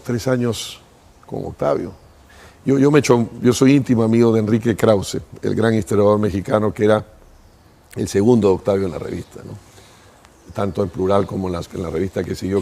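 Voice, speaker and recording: A man's voice: on the low side, gravelly, mellow. A man, an interview guest thoughtfully reminiscing about his life at length. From Peru. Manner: thoughtful, reminiscing, speaks in first person at length. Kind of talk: reflective interview storytelling.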